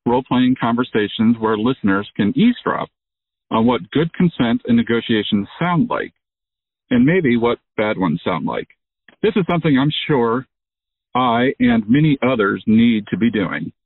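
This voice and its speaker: A man's voice: mid-range voice, expressive, moderate pace. A man from Ohio leaving a recorded voicemail question over a phone line, steadily reading out a list of questions. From Ohio, USA. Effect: heard over a phone line on voicemail. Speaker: voicemail caller. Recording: tinny phone line with faint hiss.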